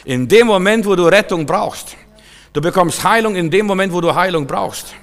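A man's voice: high-pitched, normal speed. Preaching man in a reverberant hall. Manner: folksy preaching, quotes figures in animated voices. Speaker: pastor. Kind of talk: sermon.

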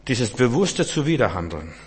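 A man preaching a sermon in church, swinging from hushed low passages to loud, fervent outbursts and often stammering restarts. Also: very animated, normal speed, slightly rough. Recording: long church hall reverb.

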